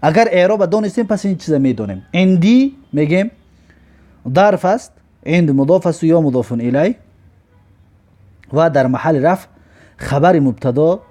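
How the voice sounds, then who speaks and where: Mellow-voiced man teaching a grammar lesson. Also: on the high side, animated. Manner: repeats example words slowly, then explains them; patient, step-by-step teaching tone. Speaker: Arabic teacher.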